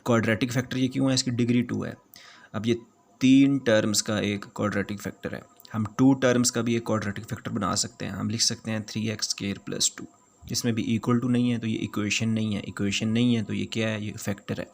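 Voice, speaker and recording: A man's voice: on the low side, fairly even intonation, quick pace, vocal fry. A man teaching a math lesson, explaining each step patiently and repeating key points.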